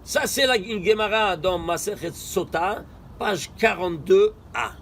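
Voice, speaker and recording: A man teaching a Torah study lesson, posing rhetorical questions and answering them himself, emphatic with sudden bursts and quiet asides. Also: high-pitched, unhurried, noisy background.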